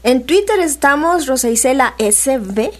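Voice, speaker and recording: A chatty woman speaks as a radio guest, her voice pitched a little high. She talks loosely, full of fillers and restarts, in an easygoing back-and-forth with the host. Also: expressive, unhurried. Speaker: radio guest, animation workshop leader. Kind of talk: casual radio chat.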